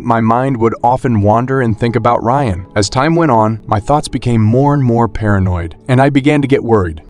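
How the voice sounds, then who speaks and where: Male narrator, somewhat low voice, steady measured first-person horror storytelling.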